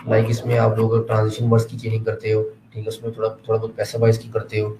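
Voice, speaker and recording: A man's voice: lowish voice, completely flat delivery, quick pace. A man showing his work in class, reading English lines aloud and addressing the teacher as sir. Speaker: student. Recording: echoey room, clear background noise.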